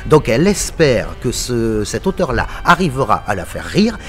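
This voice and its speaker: A man's voice: medium pitch, big pitch swings, normal speed, fairly bright tone, soft background music. A man in his forties, a theatre director, talking enthusiastically and emphatically in an interview. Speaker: theatre company artistic director. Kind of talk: interview talk. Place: seated in an empty theatre auditorium.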